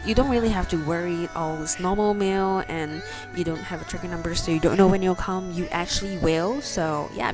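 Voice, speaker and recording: A woman with a lowish voice walks through an online tutorial in a casual, conversational way. She speaks with braces, so her words come out a little slurred, and she rambles hesitantly. Music plays clearly behind her. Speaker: online shopping tutorial presenter. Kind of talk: casual screen tutorial narration. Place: voice-over for a screen recording.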